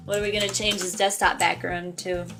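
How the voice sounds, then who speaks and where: A woman's voice: fairly low pitch, little pitch movement, a little fast, over music. Sarcastic woman commentating a game. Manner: joking, sarcastic asides. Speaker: let's play host.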